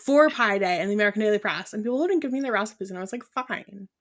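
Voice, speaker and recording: A woman's voice: medium pitch, lively intonation, very fast. Laughing female podcast host. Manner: laughs often, short back-channel replies. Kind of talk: casual chat.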